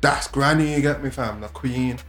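A man's voice: mid-range voice, moderate pace, fairly bright tone, roomy sound, faint music behind. A man with an urban London roadman accent chatting casually in street slang as a podcast co-host. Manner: London roadman way of talking, peppered with slang tags.

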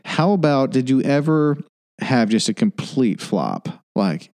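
A man's voice: medium pitch, big pitch swings, measured pace, darkish tone. A man hosting a casual interview, asking curious questions and reacting eagerly. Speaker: podcast host.

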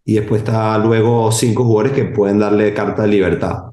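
A man's voice: lowish voice, a little fast, echoey room. A man, a footballer, telling stories in a casual podcast interview and acting out other people in quotes. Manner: animated storyteller, voices others in quotes. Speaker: footballer guest.

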